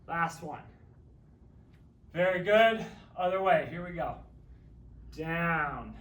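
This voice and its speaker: A man's voice: fairly high pitch, slow pace, a bit bright, recorded from a distance. A man leading a workout class, joking and counting reps while exercising and a little out of breath. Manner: upbeat, joking coach talk, counting reps. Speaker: fitness instructor. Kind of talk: guided workout instruction. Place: empty room. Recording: echoey room, from away from mic.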